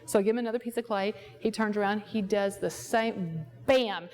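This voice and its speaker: Soft background music plays beneath a woman's medium-pitched, darkish voice as she speaks at a moderate pace. She's a therapist presenting a workshop at a ranch, lecturing conversationally and telling personal anecdotes from her practice, acting out the quoted dialogue.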